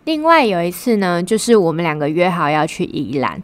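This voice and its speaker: A young woman, co-hosting a podcast and telling a travel story in a casual, animated way. She acts out the quoted lines and swears now and then. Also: fairly low pitch, a little fast. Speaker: podcast co-host.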